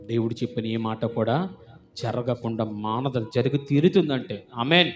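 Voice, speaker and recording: A man's voice: mid-range voice, normal speed, faint music behind. A man preaching a sermon as pastor, fervent and emphatic, firing rhetorical questions at the congregation and repeating words for emphasis.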